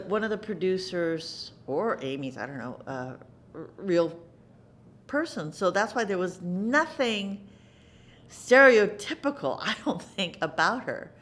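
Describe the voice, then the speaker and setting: A middle-aged woman, an actress, talking in an interview at a theater in an animated way, often repeating words for emphasis. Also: medium pitch. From United States. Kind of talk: reflective interview talk.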